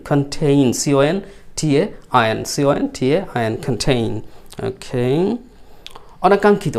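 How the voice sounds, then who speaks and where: This English tutor, a man with a Bengali accent, runs a vocabulary lesson while writing on a screen. His voice is mid-range and a bit mellow; he spells and repeats words, then questions the class and supplies the answers himself.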